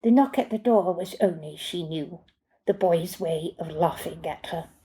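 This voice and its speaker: A woman in her sixties, an author, reading her own short story aloud in a measured, deliberate way. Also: fairly low pitch, warm tone. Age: 60s.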